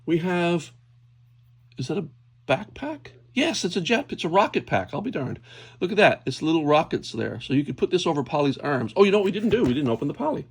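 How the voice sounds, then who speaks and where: A man hosts a toy unboxing video, giving casual, unscripted commentary as he handles things and thinks aloud hesitantly. His voice is on the high side, sing-song, and a little fast. Background noise is clear, along with clicking handling sounds.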